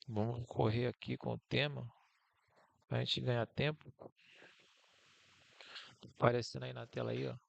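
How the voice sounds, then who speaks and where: A man's voice: mid-range voice, level tone, a little slow, gravelly, long pauses, no echo, muffled recording. A Brazilian man with a Brazilian Portuguese accent giving a casual, encouraging online lesson as a teacher, talking through slides.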